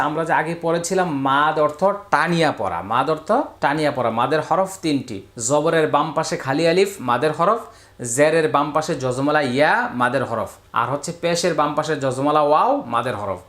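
A man's voice: on the high side, fairly bright tone, reverberant. Patient Bangladeshi man drilling recitation. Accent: Bangladeshi Bengali. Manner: patient, spells out letters and draws out syllables in slow repeated drills. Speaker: Quran reading teacher. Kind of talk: recorded recitation lesson.

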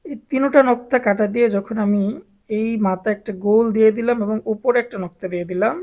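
A woman's voice: on the high side, mellow. A woman teaching Arabic letters to adult learners as a Quran teacher, drawing out each letter name and repeating it for the class to echo. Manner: drawn-out, repeated letter names for students to echo.

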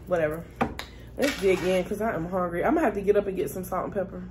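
A woman's mid-range voice races as she talks to viewers between bites, easygoing and chatty in a casual mukbang. Background noise can be heard.

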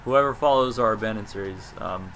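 A young man with hiccups, co-hosting a casual game session, excitable and prone to loud shouts and laughter. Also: on the low side, a little fast, a little hiss or hum. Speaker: let's play co-host. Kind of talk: casual gaming banter.

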